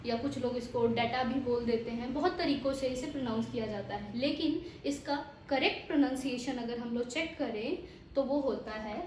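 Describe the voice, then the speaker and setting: A woman's voice: high-pitched, darkish tone, roomy sound, slight background noise, low-quality recording. A woman with an Indian accent teaching English pronunciation, switching between Hindi and English and spelling words out letter by letter.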